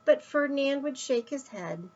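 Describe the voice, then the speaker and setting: In a lo-fi recording, a woman with a high, expressive voice reads a children's picture book aloud at a normal speed. She stresses words emphatically and adds asides to her young listeners.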